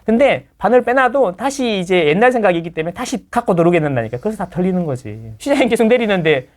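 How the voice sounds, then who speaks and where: A man who is a real estate lecturer, talking as a guest in a casual interview, lecturing with playful impressions of others and quick tag questions. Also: high-pitched, big pitch swings. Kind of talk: casual talk-show interview.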